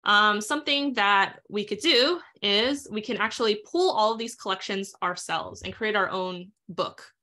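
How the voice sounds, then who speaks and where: A woman leading a live online software tutorial, talking fast and chatty with frequent ums and uhs. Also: medium pitch. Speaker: instructor leading a live webinar.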